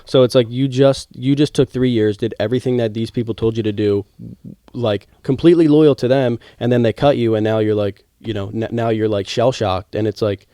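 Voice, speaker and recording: A man's voice: mid-range voice, steady tone, brisk, dark tone, no room sound, studio quality. A young man co-hosting a casual sports podcast. He rambles heatedly and restarts his sentences often. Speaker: podcast co-host, former college baseball player.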